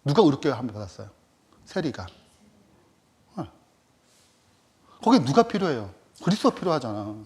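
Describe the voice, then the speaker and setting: A man's voice: mid-range voice, very animated, normal speed, long pauses, a little mellow, breathy edge. A man giving a Bible study lecture, asking rhetorical questions and then answering them himself. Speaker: Bible teacher.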